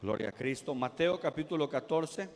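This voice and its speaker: A male pastor delivering a sermon to his congregation, reading scripture slowly and then preaching with rising force. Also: a little high, lively intonation. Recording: echoey hall.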